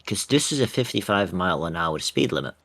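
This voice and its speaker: Man, low husky voice, lively pitch, joking co-player, casual gaming chat. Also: brisk, no echo. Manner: joking, dry quips.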